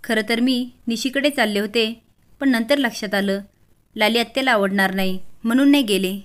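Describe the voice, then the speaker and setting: A woman's voice: on the high side, normal speed, lightly acted. A woman voicing an impulsive, headstrong young woman in a family drama story. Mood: pushy.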